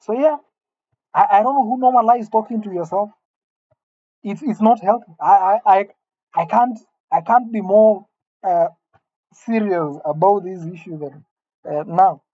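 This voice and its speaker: Speaking a little slowly and pausing often, this man's high voice comes through narrow and tinny, though without echo. He's a vlogger in his late twenties, alone in an empty room, musing to the camera in a rambling, wry, self-deprecating way.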